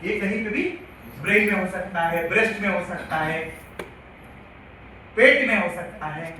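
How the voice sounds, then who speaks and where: Bright high-pitched guy teaching a health class, keeps asking the crowd questions, recorded from far off in a big echoey room. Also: normal speed. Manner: repetitive, quizzes the audience. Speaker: health lecturer. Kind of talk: classroom-style lecture. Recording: echoey hall from far off, faint hiss.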